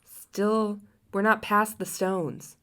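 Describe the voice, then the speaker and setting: A woman's voice: mid-range voice, steady tone, very slow, fairly bright tone. A sleepy woman co-hosting a podcast in casual chat. She asks curious questions and fills her sentences with little fillers. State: sleepy, yawning. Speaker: podcast co-host.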